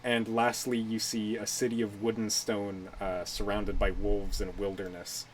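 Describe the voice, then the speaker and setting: A man narrating as game master in a tabletop role-playing session, relaxed and hesitant with frequent fillers. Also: on the low side, unhurried, a little hiss or hum, low-quality recording.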